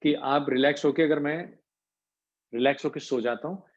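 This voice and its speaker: A man's voice: a little high, moderate pace. A man teaching an online voice class as coach. He explains each point and mixes English terms into his talk. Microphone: video call. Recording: dull lo-fi call audio.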